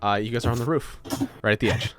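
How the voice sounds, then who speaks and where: A man's voice: mid-range voice, quick pace, faint music behind. A man running a tabletop game as game master, narrating in a loose, rambling way full of ums and likes.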